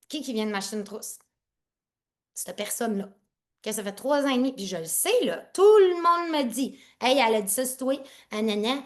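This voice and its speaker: A woman with a Quebec French accent gives an excited, rambling online training talk as a team leader over a laptop video call, laughing often. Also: a little high. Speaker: network marketing team leader.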